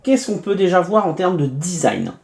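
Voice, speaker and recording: A man's voice: high voice, sing-song, normal speed, creaky, a little mellow. A man from France hosting a casual unboxing review, chatty and full of hesitations and little asides as he narrates each step. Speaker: tech reviewer.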